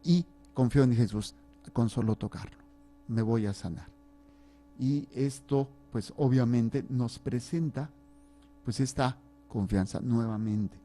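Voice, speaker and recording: A man, a priest, giving a relaxed Bible study, reading scripture aloud with fillers and asides to his listeners. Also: mid-range voice, slow pace.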